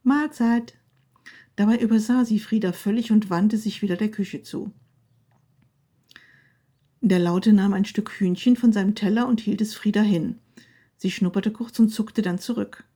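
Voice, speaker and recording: A woman reading a story aloud in a calm, even narrating voice. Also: mid-range voice.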